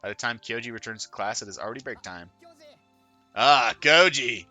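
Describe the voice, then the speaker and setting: A man's voice: fairly low pitch, rapid-fire, pushed and bright, soft background music. A man hosting a let's play, reading a visual novel aloud and dropping profane, offhand asides. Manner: profane, offhand asides between read lines.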